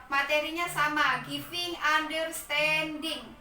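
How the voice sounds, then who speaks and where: A woman's voice: high-pitched, steady tone, slow, sharp tone, reverberant, recorded from a distance. A woman English teacher explaining worksheet answers in a casual, playful way, switching between English and another language and reading dialogue lines aloud.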